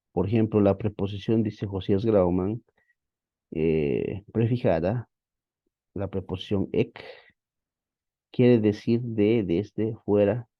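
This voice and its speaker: Slow, deep-voiced man teaching biblical Greek. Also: dry recording, dull audio. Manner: patient, explanatory, addresses students as brothers. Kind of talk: online class lecture.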